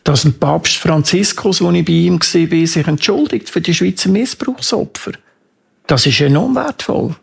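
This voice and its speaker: A man with a Swiss German accent giving earnest interview answers as a campaigner, in a gravelly, husky voice. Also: fairly high pitch, normal speed. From Switzerland.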